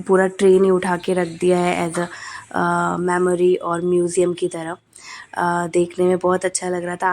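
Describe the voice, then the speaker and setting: A family vlogger, a young adult woman with a lowish voice, chats casually over slight background noise. She is coughing from a cold and hesitates often, filling her narration with fillers.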